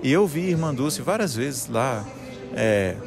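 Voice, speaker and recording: Guesting in an interview, a middle-aged man from Salvador, Brazil, who works as a musician and conductor, tells his life story earnestly and frequently starts his phrases over. He has a gravelly, mid-range voice with lively intonation and a measured pace, while music plays in the background.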